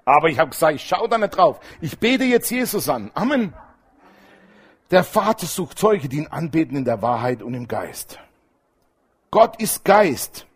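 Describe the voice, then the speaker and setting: A man preaching a sermon, animated, swinging between loud emphatic lines and low hushed asides. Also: measured pace, breathy edge.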